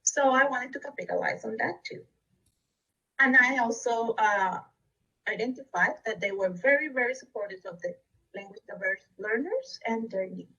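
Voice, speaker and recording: A woman presents a recorded webinar in an earnest, steady way. Her voice sits a little high and sounds husky and breathy. She is recorded from a bit back from the microphone. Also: normal speed, recorded from a distance, dull audio. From Costa Rica. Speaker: district education leader.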